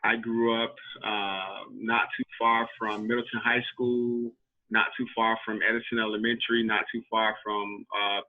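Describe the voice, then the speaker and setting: A man in his thirties from Tampa, Florida, answering interview questions hesitantly, with many ums and false starts. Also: lowish voice. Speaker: interview guest. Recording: tinny phone-like line.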